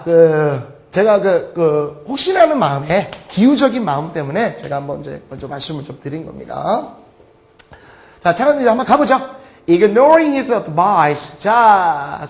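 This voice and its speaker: A man teaching an online English grammar lecture, joking and acting out his students' questions. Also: high voice. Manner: lively, joking, acts out students' voices.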